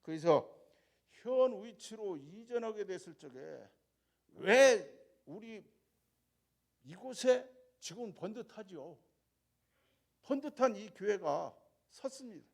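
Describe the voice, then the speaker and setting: Gravelly-voiced deacon telling a story. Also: male voice, high-pitched, takes it slowly, long pauses. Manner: animated storytelling that swings between loud and soft. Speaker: church deacon giving a testimony. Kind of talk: storytelling testimony at a prayer meeting.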